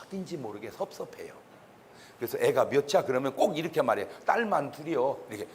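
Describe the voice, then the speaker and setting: A man, a pastor, giving a humorous public lecture in an animated, joking way, sometimes bursting into shouts. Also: medium pitch, fast talker, a little hiss or hum.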